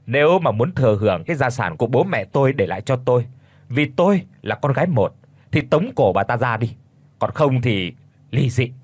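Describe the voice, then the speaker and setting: A man voicing a shrill, spiteful middle-aged daughter-in-law in an audiobook, hissing and scornful. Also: big pitch swings, moderate pace, dry recording. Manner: hisses and shrieks, scornful.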